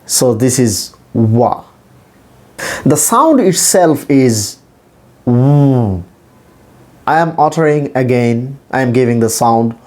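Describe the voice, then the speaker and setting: In an animated, slightly mellow mid-range voice, a Bangladeshi-accented man coaches English pronunciation. He is a native Bengali speaker and teaches in a deliberate, repetitive, demonstrative style.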